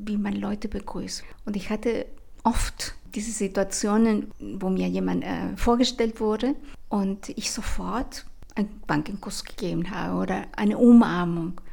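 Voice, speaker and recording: Breathy, gravelly woman podcasting. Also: medium pitch, fairly even intonation, a little slow, dark tone. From Chile. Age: 50s. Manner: enthusiastic, chatty storytelling with many fillers. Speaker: language teacher and podcast host. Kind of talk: casual podcast monologue.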